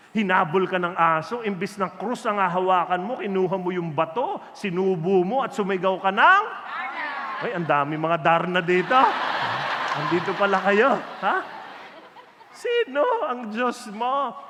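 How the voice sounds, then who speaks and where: A man preaching a sermon to a large gathering, telling stories in an animated, joking way. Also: high-pitched, background noise. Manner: animated storytelling with jokes. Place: large hall with an audience. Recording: echoey hall reverb.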